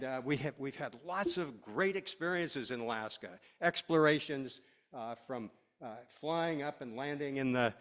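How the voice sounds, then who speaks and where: An older man from Washington State giving a relaxed, rambling slide lecture to a class, with many fillers. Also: mid-range voice. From Washington State, USA.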